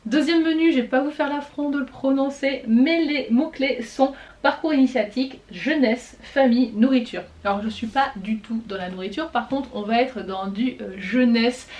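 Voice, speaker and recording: A young woman presenting her seasonal reading list in a casual vlog, chatting with frequent pauses while she checks her notes. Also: high-pitched, a little mellow. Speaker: book vlogger.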